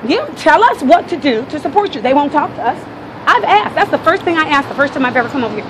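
Recorded on a handheld phone on a noisy street beside traffic, an American resident argues with a protester. She negotiates insistently, repeats herself often, and interrupts, speaking fast in a high voice with big swings in pitch.

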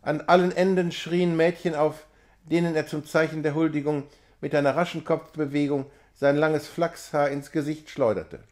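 A man reading a classic novella aloud in a measured, expressive way. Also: on the high side. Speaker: reader.

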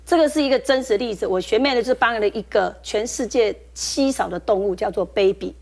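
A woman with a Taiwanese Mandarin accent, a nurse guest on a talk show, explaining briskly with a laugh now and then. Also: fairly high pitch.

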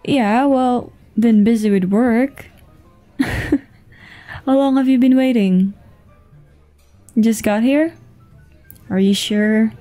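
Her soft voice sits on the high side as this audio roleplay actor plays a flirtatious, easygoing businesswoman on a date. The intimate ASMR scene is a one-sided conversation over background music, and her mood is friendly, her pace unhurried, her manner giggly and casual.

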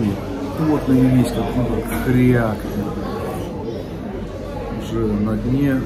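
Man, mid-range voice, casual jokey travelogue narration, clear music bed. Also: medium pitch, dark tone.

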